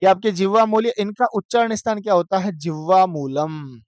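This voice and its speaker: A man teaching a Sanskrit grammar class, who keeps asking his students questions and slowly chants the rules for them to repeat. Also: high-pitched, fairly even intonation, darkish tone, dry recording. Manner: asks students frequent questions, slow chanted recitation of rules. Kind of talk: classroom lecture.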